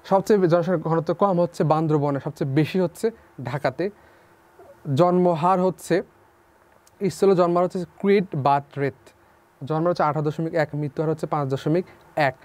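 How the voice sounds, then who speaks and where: Young man, teacher, lecture, slightly high voice, repeats answers as questions. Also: a little fast, pauses often, a little mellow, dry recording. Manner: repeats key figures as questions to students. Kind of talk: online class lecture.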